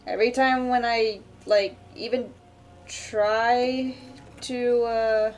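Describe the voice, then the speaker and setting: A woman streamer chatting casually while she draws, rambling with many fillers and quick laughs. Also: a little high, steady tone. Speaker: streamer drawing live. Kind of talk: casual chat while drawing. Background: faint background music.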